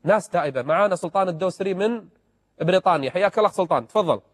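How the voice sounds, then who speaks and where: A man preaches through stories on a call-in religious show, fervent and emphatic. His voice sits high and runs fast. The studio sound is dry up close but trails off in a long reverb. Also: lively intonation. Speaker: religious TV host, sheikh.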